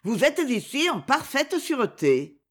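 A gentle, anxious young daughter from a storybook, read by a woman, soft and pleading. Her voice moves in lively swings. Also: sits high, measured pace, voice pushed up, exaggerated voice.

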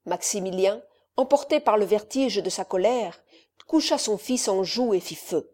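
Female audiobook narrator, measured and expressive, warm dark tone. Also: medium pitch.

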